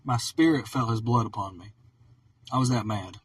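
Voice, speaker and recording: A man rambling through a personal story in a casual vlog monologue, repeating himself and swinging between low mutters and loud outbursts. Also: normal speed, slightly rough, recorded from a distance, rough recording. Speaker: vlogger.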